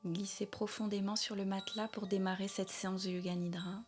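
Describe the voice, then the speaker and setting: Soft music plays behind a woman leading a yoga nidra guided meditation. Her medium-pitched voice barely moves in pitch, and she is gentle and soothing, offering short phrases with long pauses between them.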